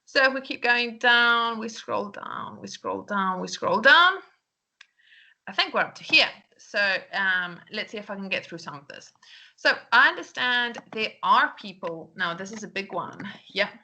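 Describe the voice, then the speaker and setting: A woman's voice: a little high, lively intonation, normal speed, bright, forceful tone. Chatty woman teacher. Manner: chatty, lots of "um" and "okay?", laughs at herself. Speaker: English teacher. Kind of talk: recorded feedback lesson.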